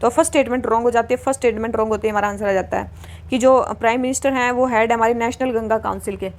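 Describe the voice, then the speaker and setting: Chatty woman teacher, higher voice. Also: steady tone, racing. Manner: chatty, repeats key points, asks questions. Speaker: exam prep teacher. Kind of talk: explaining quiz answers, mixing Hindi and English.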